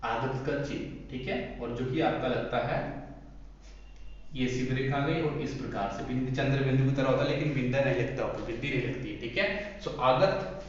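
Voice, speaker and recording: A male teacher giving a classroom grammar lesson, calling students "beta", checking "theek hai?" after each point and dictating slowly for notes. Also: medium pitch. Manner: dictates slowly, word by word, for note-taking. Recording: echoey, distant, dull room recording.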